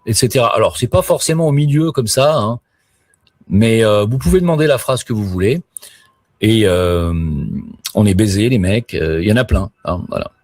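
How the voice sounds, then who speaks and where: A man's voice: lowish voice, expressive, moderate pace, a little mellow, no echo, studio quality. A middle-aged man chatting on a live stream, rambling with many hesitations and crude slang. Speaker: live streamer promoting his platform.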